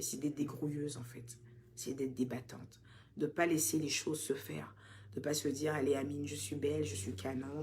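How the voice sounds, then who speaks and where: A young woman hosting a casual chat, reading out viewer questions and answering them directly. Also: vocal fry. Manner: reads names out loud and bright, answers low and soft.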